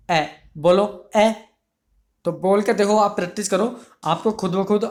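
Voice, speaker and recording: A man's voice: high voice, a bit bright. A male teacher giving an online exam-prep lesson, explaining patiently, repeating key terms and asking the class questions. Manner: ends phrases with "ठीक है" checks.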